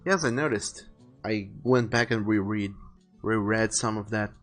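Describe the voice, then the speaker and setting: His voice sits on the low side and sounds fairly bright as this livestreaming artist and host talks earnestly and conversationally at a measured pace. He reads out viewer messages and gives advice in a casual art stream, with faint music in the background.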